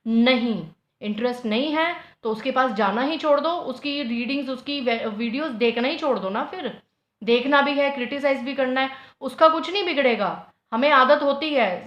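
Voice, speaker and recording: A woman with a somewhat high voice reads tarot piles in a casual, earnest, pleading way, slipping English phrases into her speech. The sound is roomy and echoey, and the recording is dull and lo-fi. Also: normal speed, a bit bright. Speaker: tarot reader. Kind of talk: casual tarot pile reading.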